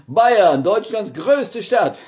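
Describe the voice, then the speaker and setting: A middle-aged man performing backwards speech live, shouting out single words and then the same words reversed. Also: high-pitched, lively intonation, drawn-out words. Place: small indoor room. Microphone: phone at arm's length.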